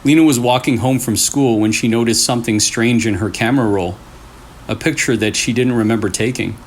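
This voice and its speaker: A man with a mid-range voice, speaking a little fast, hosts and reads scary stories in short, suspenseful phrases. Between the tales he reacts casually with offhand comments.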